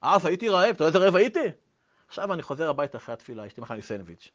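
A man voicing a stubborn, furious old man who shouts and argues, in a dull lo-fi recording. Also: fairly high pitch, very animated. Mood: bitter. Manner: shouting, agitated.

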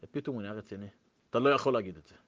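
A man telling a story to listeners in a lively, animated way, in a dull lo-fi recording. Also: lowish voice. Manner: lively, acts out voices.

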